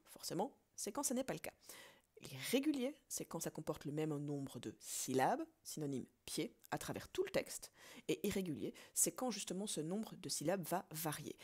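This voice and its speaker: A woman teacher walks through a recorded lesson step by step. Her voice sits a little low and swings widely in pitch as she slows down to count out syllables. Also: a little mellow, slightly rough. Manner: explains step by step and counts syllables slowly aloud. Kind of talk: recorded French lesson on poetry.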